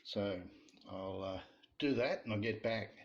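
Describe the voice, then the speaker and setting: Slow-talking man in his home shed. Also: lowish voice. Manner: slow, plain-spoken, self-deprecating. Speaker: hobby woodworker. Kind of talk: casual workshop narration. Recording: dull lo-fi sound with faint noise.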